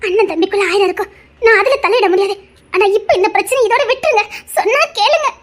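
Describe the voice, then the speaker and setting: An actress playing an anxious young wife who begs the men of the family to calm down and stop fighting in a TV serial. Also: female voice, extremely high pitch, fast talker. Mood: pleading. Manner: pleading, urgent, near tears. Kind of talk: TV serial acting.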